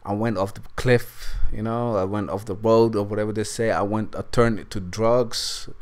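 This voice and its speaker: A man's voice: lowish voice, fairly even intonation, moderate pace, darkish tone. A young man casually telling a candid personal story over gameplay, rambling and swearing freely. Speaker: let's play gamer.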